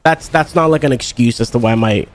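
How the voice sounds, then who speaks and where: A young man with a mid-range voice chats casually while streaming a card game, rambling and full of fillers, and sounding stuffed up with congestion. He talks fairly quickly over slight background noise.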